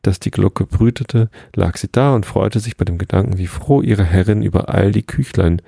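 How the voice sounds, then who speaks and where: A man's voice: on the low side, moderate pace, creaky, mellow, breathy edge, no room sound, clean studio sound. A man voicing a proud, scornful male crow chief who muses and tells tales, in a read-aloud storybook. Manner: scornful, musing.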